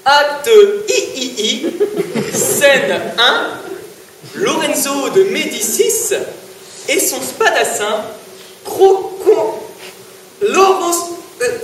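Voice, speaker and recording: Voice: high voice, sing-song, extremely slow, pauses often, a bit bright, a little hiss or hum. A young presenter casually introducing a school theatre scene, rambling, joking and fumbling words. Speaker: show presenter. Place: large theatre stage. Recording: roomy hall from far off.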